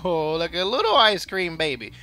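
A man in his thirties chats through a video game as he plays. His delivery is casual, with a bright tone and a very mobile pitch. Soft game music runs behind him. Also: very animated, moderate pace. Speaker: gaming video host. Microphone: headset.

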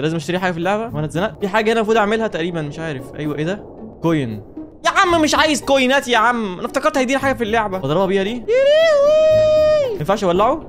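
A young man with an Egyptian accent talks through a horror game at breakneck speed, his voice sitting fairly high. He jokes, swears by God constantly and jumps at every scare. Faint game music plays behind him. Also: fairly bright tone. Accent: Egyptian Arabic. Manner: jumpy, joking, swears often and gets easily startled. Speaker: gaming YouTuber. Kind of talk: horror game let's-play commentary.

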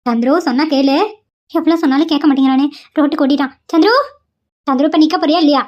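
A woman's voice: high-pitched, fast, muffled recording, lightly acted. A woman playing a fretful young mother. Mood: anxious. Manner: anxious, fretful. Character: worried young mother of a little boy.

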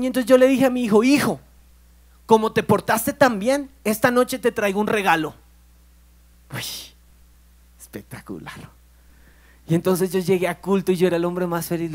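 Animated preacher. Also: male voice, a little high. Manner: animated storytelling, acts out dialogue. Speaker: pastor. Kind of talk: sermon.

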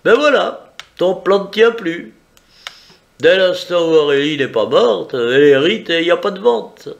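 Arsène Lupin, a man doing a higher voice. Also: animated, a little slow, gravelly, muffled recording, full character voice. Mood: confident. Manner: teasing, confident, bargaining. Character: suave, mocking gentleman thief, adult man.

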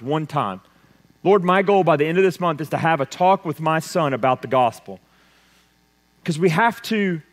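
A man preaching a sermon, swinging between loud emphasis and hushed intensity. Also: fairly high pitch. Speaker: pastor. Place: church sanctuary. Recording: long church reverb.

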